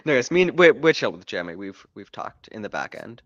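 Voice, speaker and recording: A man's voice: on the low side, sing-song, quick pace, no echo, highs cut off. A man hosting his own podcast livestream, chatting casually and rambling, joking and cutting himself off mid-thought. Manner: joking, rambling, self-interrupting. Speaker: podcast host and author.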